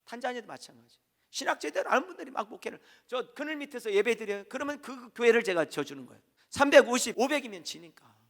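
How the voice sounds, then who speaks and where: A man from South Korea preaching an emphatic sermon as a pastor, telling stories and swinging between loud and quiet. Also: extremely high pitch, long reverb tail. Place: church.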